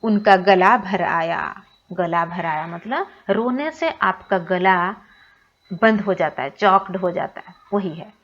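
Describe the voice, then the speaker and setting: A woman's voice: fairly low pitch, slow pace, highs cut off. A woman teacher explaining a textbook lesson, reading each line and then restating it with English glosses.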